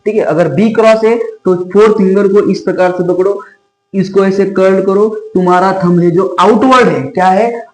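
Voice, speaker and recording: A man's voice: on the high side, darkish tone, echoey room, low-quality recording. A man teaching physics at a whiteboard, who asks questions and answers them himself and calls his students kids. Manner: addresses students fondly as kids. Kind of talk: classroom whiteboard lecture. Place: classroom with a whiteboard.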